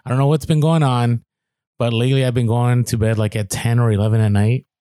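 A man co-hosting a casual podcast with a smooth, late-night radio DJ way of talking. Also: mid-range voice, fairly even intonation, fairly quick, dark tone, no echo, clean studio sound. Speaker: podcast co-host.

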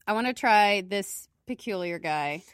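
Lively, wry woman snack co-host. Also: mid-range voice, a little slow, clear, resonant tone, dry recording, clean studio sound. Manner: wry, sarcastic quips. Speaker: co-host of a snack taste-test show. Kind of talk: casual chat.

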